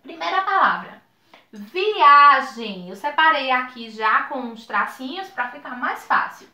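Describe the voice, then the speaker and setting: A Brazilian woman teacher with a high, bright voice gives a slow video lesson to children. Her pitch rises and falls in a lively sing-song as she stretches out each example word. The room around her is echoey.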